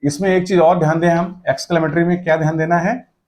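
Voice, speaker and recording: A man teaching an English grammar class, explaining step by step and slowing right down to dictate example sentences word by word. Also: a little high, flat delivery, darkish tone. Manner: explains step by step, checking with "correct?" and "okay?".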